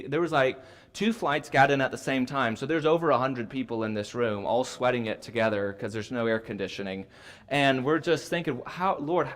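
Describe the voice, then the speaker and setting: A man speaking in a church class, telling a travel story in a rambling, animated way and often correcting himself. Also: mid-range voice. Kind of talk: casual storytelling talk.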